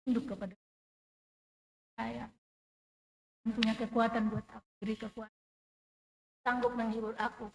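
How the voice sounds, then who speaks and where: Middle-aged woman, high-pitched, emotional church testimony. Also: flat delivery, moderate pace, creaky, pauses often, slight background noise, rough recording. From Indonesia. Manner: emotional, emphatic, rising and falling loudness. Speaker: church member giving testimony. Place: church sanctuary.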